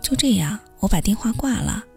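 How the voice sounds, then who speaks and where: Gravelly-voiced woman narrating a story. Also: mid-range voice, sing-song, fairly quick, faint music behind. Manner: wry, self-mocking storytelling. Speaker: podcast host reading a story. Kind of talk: first-person story narration.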